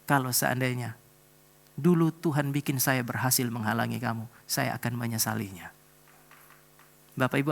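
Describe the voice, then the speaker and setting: A middle-aged pastor preaching a sermon in church, telling a personal story and speaking straight to the congregation. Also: male voice, medium pitch, a bit bright. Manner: storytelling, addresses congregation directly.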